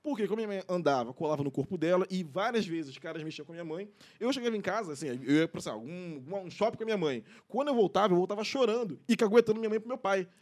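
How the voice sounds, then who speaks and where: A man's voice: high-pitched, fast talker, hardly any pauses. A man, telling personal stories in casual slangy chat with frequent laughs. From Brazil. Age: late 30s. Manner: animated storyteller, slangy, laughs often. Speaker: podcast co-host.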